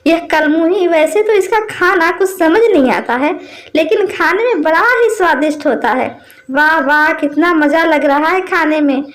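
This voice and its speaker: Lady voicing a bossy old mother-in-law, taunting and scolding, very high voice, storybook style. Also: normal speed. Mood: relishing. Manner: taunting, name-calling.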